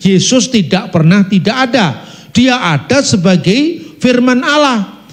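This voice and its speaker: A man's voice: sits high, unhurried. A middle-aged man, preaching a sermon, telling stories animatedly and addressing the congregation directly. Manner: animated storytelling, addresses congregation, sings snatches of song.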